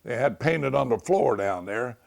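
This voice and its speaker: An American man in his nineties, an old war veteran remembering his service, telling anecdotes in a creaky, gravelly voice and acting out remembered dialogue. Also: medium pitch, animated, measured pace, darkish tone. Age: 90s. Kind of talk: oral history reminiscence.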